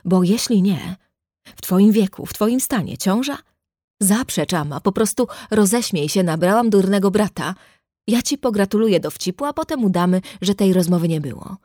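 A woman's voice: medium pitch, expressive, normal speed, dark tone, no room sound, studio quality, lightly acted. A woman voicing a hot-tempered, protective young man in a read-aloud story. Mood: tense. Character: angry protective young adult brother.

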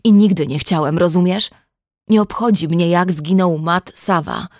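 Woman voicing a guilty young guy in love, pleading with a breaking voice, audiobook, lowish and dry. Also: moderate pace, a little mellow, no room sound, close to an everyday voice. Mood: shouting.

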